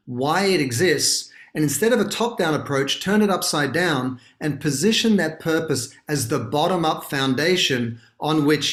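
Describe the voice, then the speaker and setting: Casting: male interview guest, Australian accent, slightly high-pitched voice, echoey room sound. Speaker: guest, consultancy founder and speaker. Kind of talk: interview conversation, explaining. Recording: roomy, echoey voice pickup.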